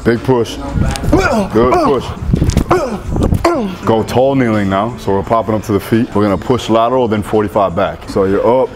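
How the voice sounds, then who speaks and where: Over a noisy background of music in a large gym, a man in his thirties coaches a workout with punchy, repetitive cues and encouragement. He speaks a little fast in a fairly low voice, hardly pausing.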